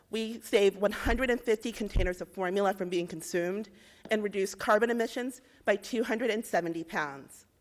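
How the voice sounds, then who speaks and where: A young woman from Indiana giving a rehearsed policy pitch, with measured, persuasive delivery of facts and figures. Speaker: presenter in a policy pitch competition.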